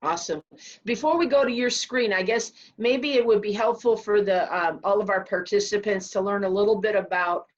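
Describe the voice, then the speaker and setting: A woman's voice: medium pitch, fairly even intonation, fairly quick. A woman from the athletics staff hosting a virtual info session, speaking confidently and persuasively over a video call. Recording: dull lo-fi video call audio.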